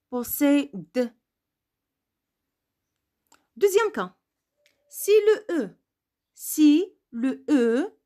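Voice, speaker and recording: A woman with a somewhat high voice gives a grammar lesson. She talks at an unhurried, deliberate pace and says sounds and words twice so learners can follow. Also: dark tone. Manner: slow, repeats words and letters to stress pronunciation. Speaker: French teacher.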